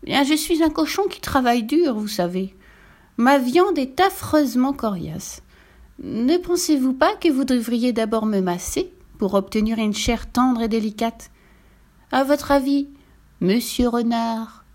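A woman's voice: animated, a little slow, darkish tone. A woman voicing a small, crafty piglet who squeals, sighs and pleads sweetly. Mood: sweetly sly. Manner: high sighing pleading voice.

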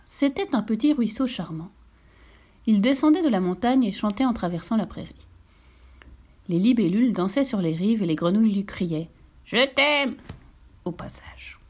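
Gentle woman reading a children's story. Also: medium pitch, moderate pace. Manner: gentle, expressive reading with soft whispered touches. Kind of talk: children's story read aloud.

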